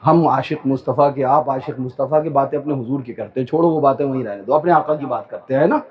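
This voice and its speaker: A man's voice: medium pitch, dull audio. A man preaching a sermon to a live gathering, declaiming, chanting verses and urging the listeners to call back. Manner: declamatory, urging crowd to respond. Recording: live outdoor crowd event. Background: crowd responding.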